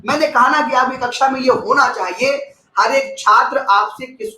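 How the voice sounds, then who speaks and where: A man teaches a live online class in a bright, high voice, stressing his points and repeating them. He stops to thank viewers from the chat by name. The sound is roomy and echoey, with a faint hiss behind. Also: normal speed.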